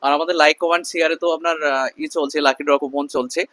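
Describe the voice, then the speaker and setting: A male shopkeeper pitches products at a rapid pace, repeating key selling points with emphasis. His voice sits a little high, and the sound is fairly dry and close. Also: fairly even intonation, a bit bright, no echo. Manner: repetitive, emphatic promotional delivery. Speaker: shopkeeper presenting a promotional video. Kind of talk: sales pitch to camera with customer chat.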